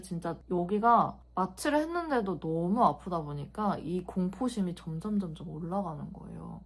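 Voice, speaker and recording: A young woman talking to camera in a casual vlog, telling her story with emotion and candor, acting out sounds as she goes. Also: fairly low pitch. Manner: emotional, candid storytelling with vivid sound words. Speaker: beauty vlogger.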